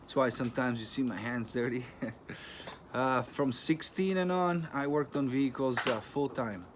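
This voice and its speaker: Greek-accented man, noisy recording. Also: mid-range voice. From Greece. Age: 30s. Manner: plain-spoken, unhurried, non-native phrasing. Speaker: channel host. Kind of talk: casual talk to camera. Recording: noisy with clicking sounds.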